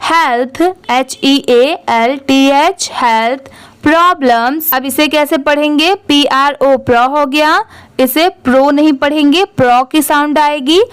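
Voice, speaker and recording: Slow, high-voiced woman teaching phonics. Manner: spells words letter by letter, then asks and answers her own questions; reads English sentences very slowly and deliberately. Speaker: English reading teacher. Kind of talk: Hindi-language phonics lesson.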